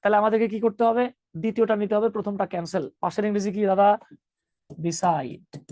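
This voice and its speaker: A man's voice: sits high, steady tone, fairly quick, darkish tone, no room sound. Joking man teaching English. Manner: joking, addresses students as 'baba'. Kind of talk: online grammar class.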